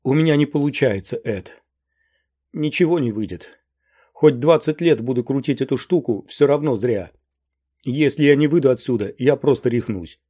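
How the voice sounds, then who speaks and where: A man's voice: moderate pace, dark tone, lightly acted. A man reading an audiobook, voicing a fat, hysterical male safecracker who whines and sobs in despair. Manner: whining, sobbing, shrill.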